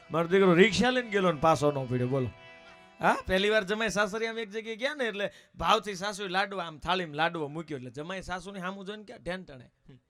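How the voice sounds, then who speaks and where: A man, telling jokes as a folk comedian in a brisk, anecdotal way. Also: sits high, fairly bright tone, soft background music. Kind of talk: live folk comedy storytelling.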